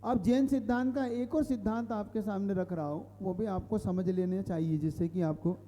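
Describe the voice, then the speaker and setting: A Jain monk delivers a sermon to a live audience in a hall, his high, mellow voice moving at a moderate pace. He explains things step by step, repeats phrases and puts questions to his listeners. The recording carries the hall's reverb.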